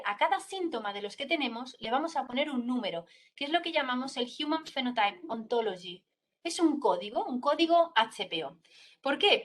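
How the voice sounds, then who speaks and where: In a bright voice on the high side, a woman doctor specializing in pediatric neurology explains a subject to a group of students. Her school talk moves step by step, with frequent checks on her listeners.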